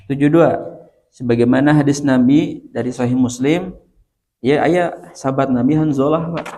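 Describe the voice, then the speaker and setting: A man's voice: mid-range voice, moderate pace, mellow. A male preacher with a Sundanese accent giving a chatty religious study talk, laughing often and addressing his listeners directly.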